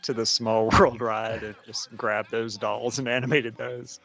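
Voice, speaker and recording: A man's voice: mid-range voice, flat delivery, measured pace, vocal fry, a bit bright, soft background music. A man in his forties co-hosting a podcast in casual chat, playful and laughing often. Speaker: podcast co-host.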